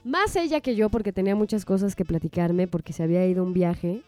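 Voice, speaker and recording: Chatty Mexican woman with a mellow voice. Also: medium pitch, quick pace, soft background music. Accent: Mexican Spanish. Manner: chatty storyteller who laughs between sentences. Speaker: singer-songwriter guest. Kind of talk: casual anecdote telling.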